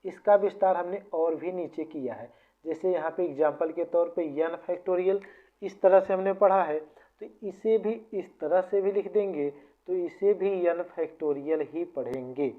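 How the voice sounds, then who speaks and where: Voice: medium pitch, normal speed. A maths teacher patiently explaining formulas step by step, often repeating points. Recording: tinny phone-like sound.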